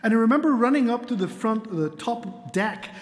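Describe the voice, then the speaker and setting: A man's voice: extremely high pitch, animated, a little fast. A middle-aged man, preaching a sermon with earnest storytelling and light humor. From Spain. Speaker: pastor. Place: church sanctuary. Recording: long hall reverb in a church.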